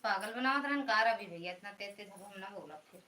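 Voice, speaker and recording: A woman with an Awadhi accent hosting a casual live stream from home, greeting viewers one by one with religious salutations in a loud, chatty voice. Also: mid-range voice, expressive, brisk, echoey room, a little hiss or hum. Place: indoors at home, in a room.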